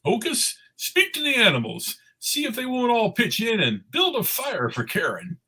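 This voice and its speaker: A man's voice: very high voice, huge pitch swings, moderate pace, pushed and bright, breathy edge, exaggerated voice. A man voicing a friendly, naive living snowman with eager, childlike exclamations in a cartoon script reading. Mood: worried, urgent. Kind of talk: cartoon table read.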